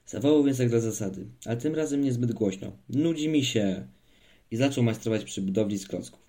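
A man narrating a children's audiobook in a calm, measured reading. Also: mid-range voice. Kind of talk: scripted narration of a children's story.

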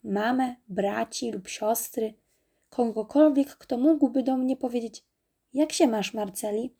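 Woman reader doing a sad, lonely storybook horse; slow, sighing, gravelly. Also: fairly high pitch, warm tone.

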